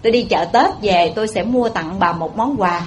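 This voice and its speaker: Chị kể lại anh nông dân quê mùa hí hửng, giọng miền nam, có tiếng ồn nhẹ. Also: female voice, mid-range voice, moderate pace, slight background noise, pitched below the performer's own voice, close to an everyday voice. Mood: eager. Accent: Southern Vietnamese. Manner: eager, pleased with himself. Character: naive rustic farmer husband, excited and scheming.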